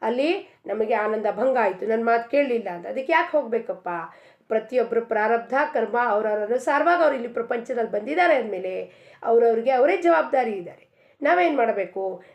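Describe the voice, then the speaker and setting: A woman's voice: on the high side, animated, brisk, highs cut off. A woman giving an earnest devotional discourse, asking many rhetorical questions. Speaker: spiritual speaker.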